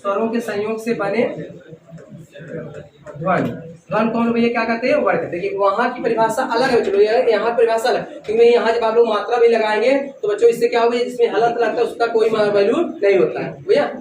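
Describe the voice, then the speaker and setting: A man with a very high, darkish voice and fairly even intonation teaches a lesson a little fast, over and over putting questions to the class and addressing the students as "bhaiya" and "children." He sounds far off in an echoey room, with classroom noise in the background.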